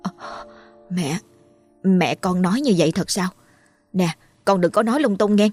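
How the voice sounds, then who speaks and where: A woman's voice: fairly low pitch, a little slow, darkish tone, soft background music. A woman voicing an anxious, caring neighbor woman who stammers with hesitant fillers. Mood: nervous.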